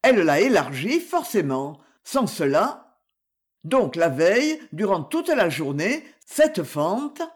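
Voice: medium pitch, big pitch swings, slow, slightly rough, exaggerated voice. A reader voicing a taciturn, grumbling middle-aged man, a former gardener turned grocer, in an audiobook. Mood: gruff. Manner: grumbling, blunt.

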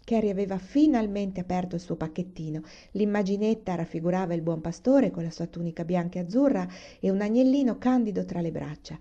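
A woman reading a children's novel aloud in a calm, unhurried storytelling manner. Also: on the low side, muffled recording. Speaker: reader.

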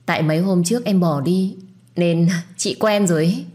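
A smug young woman rival with a honeyed, flattering way of speaking, as a storyteller puts her on. Her voice sits higher and sweeter than the narrator's. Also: moderate pace, natural voice. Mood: sugary.

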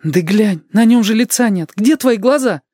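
A man voicing a young woman in an audiobook, emotional and pleading, in a raised high voice. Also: animated, moderate pace, warm tone, no room sound, clean studio sound. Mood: fussing.

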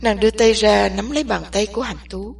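Breathy female audiobook narrator. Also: mid-range voice, a little fast, distant mic. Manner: expressive storytelling. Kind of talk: novel narration.

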